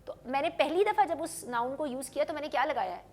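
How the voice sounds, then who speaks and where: A woman leads a televised English lesson in a fairly high voice. She explains each rule patiently, moving between Urdu and English. She draws out the English example phrases slowly and checks in with rhetorical questions. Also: expressive, a little mellow. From Pakistan. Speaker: English teacher.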